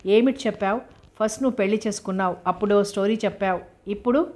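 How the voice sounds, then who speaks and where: A woman reading the part of a distraught young woman who fires sharp, accusing questions. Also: mid-range voice, quick pace, natural voice. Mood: upset.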